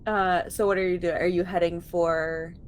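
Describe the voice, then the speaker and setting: A woman serves as game master, narrating a tabletop session in a loose, hesitant way full of fillers. Her voice sits a little low, and a faint noise hums behind her. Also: level tone, normal speed.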